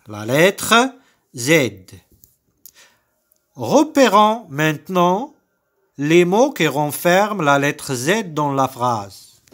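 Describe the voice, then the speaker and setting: A man with a Moroccan French accent teaching young children to read, saying words and syllables slowly and repeating each one. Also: fairly high pitch, very animated, fairly bright tone. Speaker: primary school teacher. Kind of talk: slow recorded reading lesson for young children.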